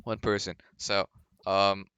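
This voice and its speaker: Bright, crisp-voiced young man rambling. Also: fairly low pitch, monotone, slow pace, no room sound, highs cut off. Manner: rambling, joking conspiracy storyteller. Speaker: podcast co-host. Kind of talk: casual chat.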